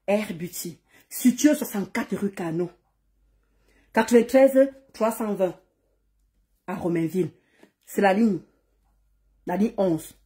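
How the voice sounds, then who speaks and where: High-voiced woman ranting on a live stream. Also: warm tone. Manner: insulting, taunting, swings to laughing greetings; repeats words and phrases. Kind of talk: heated live-stream rant.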